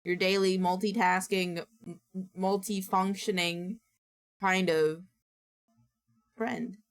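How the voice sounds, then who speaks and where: A woman livestreamer talking off the cuff to her chat at a middling pitch. She is playfully exasperated and swears casually, and her voice sounds somewhat worn from use. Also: fairly even intonation, takes it slowly. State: voice nearly gone from strain. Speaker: streamer.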